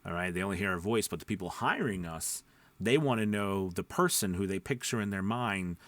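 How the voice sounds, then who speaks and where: Here a voice-over coach and mentor talks fairly quickly in a low, fairly bright voice, captured as a dry recording. The delivery is casual, emphatic and meandering, full of self-interruptions and brief questions to check in with the listener.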